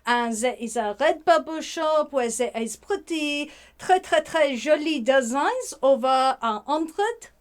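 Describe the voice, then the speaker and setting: Female book vlogger; high pitch, slow, halting delivery with words mixed in. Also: animated. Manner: sprinkles French words, halting with many fillers. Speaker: book reviewer host. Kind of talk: casual book review vlog.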